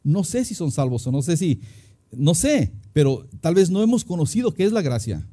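A man's voice: on the high side, sing-song, moderate pace, dark tone. A middle-aged man preaching a sermon as a pastor, chatty and storytelling, acting out little scenes with many restarts. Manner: conversational preaching, acts out anecdotes, many restarts.

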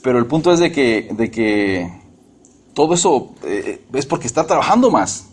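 A man's voice: medium pitch, very animated, normal speed, slightly rough. A middle-aged man preaching a sermon in a church, emphatic and often repeating or restarting his phrases.

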